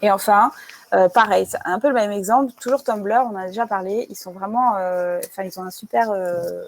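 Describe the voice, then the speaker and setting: A woman's voice: medium pitch, a little fast, slight background noise. A young adult woman with a French accent giving a casual presentation on UX writing, hesitant and full of fillers and restarts. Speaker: UX writer presenting.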